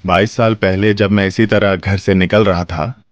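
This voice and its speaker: A man's voice: deep voice, fairly even intonation, moderate pace, no echo, muffled recording, natural voice. A man voicing a departing emigrant, teasing. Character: man in his forties leaving home to work abroad. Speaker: dubbing actor. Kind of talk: Hindi film dubbing.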